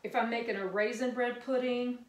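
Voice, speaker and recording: A woman's voice: fairly high pitch, steady tone, a little fast, roomy sound, distant mic, lo-fi sound. An older woman from the Missouri Ozarks, chatting her way through a home cooking demonstration with folksy, rambling asides. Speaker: cooking video host.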